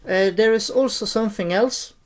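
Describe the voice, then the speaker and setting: A streamer giving an unscripted, hesitant gameplay tutorial, often pausing and repeating phrases. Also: medium pitch, a little hiss or hum. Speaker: streamer and game tutorial host.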